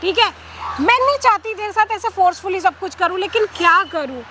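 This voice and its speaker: A woman playing a scheming, domineering married aunt who taunts and threatens, scolding with rapid questions. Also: very high voice, lively intonation, pushed and bright, a little hiss or hum, exaggerated voice. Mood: taunting. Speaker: actor in a short drama. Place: outdoors in a public place.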